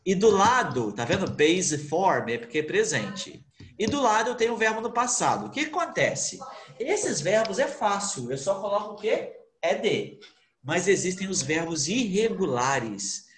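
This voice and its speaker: A man's voice: sits high, very animated, moderate pace, a bit bright. A man, an English teacher, explaining grammar in an online class, asking questions and answering them himself. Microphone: computer mic on video call. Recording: roomy video call audio.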